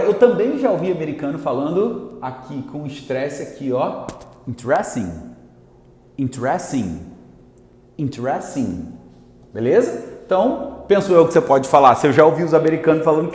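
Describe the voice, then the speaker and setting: A man with a Brazilian Portuguese accent teaching an English lesson, repeating example words slowly and checking in with his viewers often. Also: a little high, animated, darkish tone. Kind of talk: language lesson at a whiteboard. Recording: echoey room with long reverb.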